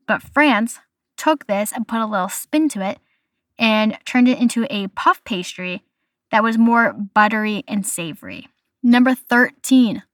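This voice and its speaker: A woman's voice: fairly high pitch, a bit bright, no echo, studio quality. Chatty young woman, podcast host. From United States. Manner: chatty, stumbles over foreign words and laughs at herself. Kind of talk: casual solo podcast, listing food facts.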